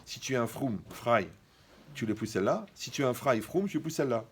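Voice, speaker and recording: A man's voice: mid-range voice, lively intonation, fast, husky. A man performing a stand-up comedy monologue, acting out dialogues with mocking asides.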